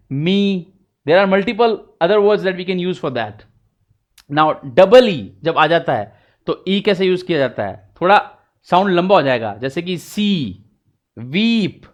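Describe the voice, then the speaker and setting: A male English teacher with an Indian accent leads a pronunciation lesson, switching between Hindi and English. His voice sits high, and he speaks very slowly. He draws out each example word. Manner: mixes Hindi and English, slow drawn-out example words.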